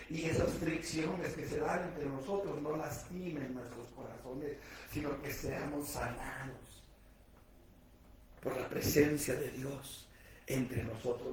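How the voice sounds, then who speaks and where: A man preaching a sermon as pastor. He swings between loud shouting and hushed, low speech, and mixes in everyday jokes and direct questions to the congregation. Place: church sanctuary. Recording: echoey church room, distant mic, faint noise.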